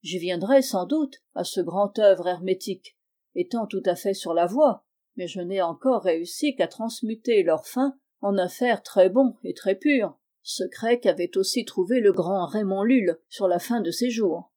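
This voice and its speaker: A woman's voice: medium pitch, measured pace, mellow, close to an everyday voice. A woman reading the lines of a cunning male sorcerer who sermonizes in a lofty, wordy manner, in an audiobook of a classic tale. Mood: scheming.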